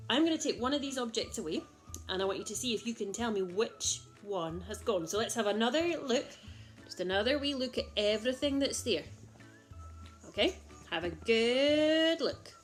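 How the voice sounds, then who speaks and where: A woman's voice: a little high, big pitch swings, moderate pace, soft background music. A woman presenting a children's game like an overbright party host, encouraging and exaggeratedly enthusiastic. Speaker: children's holiday club host.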